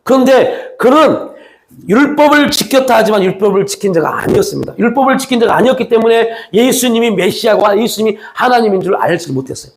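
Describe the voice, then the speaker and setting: A man preaching a sermon as a pastor, moving between raised, pressing appeals and low, hushed lines. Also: animated, fairly quick. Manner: acts out quoted speech of Jesus and the young man.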